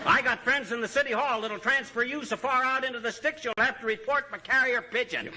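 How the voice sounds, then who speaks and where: A boastful, quarrelsome husband, played by a man who blusters and hurls quick insults in a 1940s radio comedy. His voice is high and swoops up and down wildly. Loud hiss fills the old radio recording. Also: lively intonation, natural voice.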